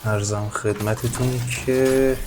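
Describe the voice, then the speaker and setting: A man doing casual gameplay commentary, excitable, often yelling and laughing at what happens on screen. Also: mid-range voice, noisy background. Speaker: gameplay streamer.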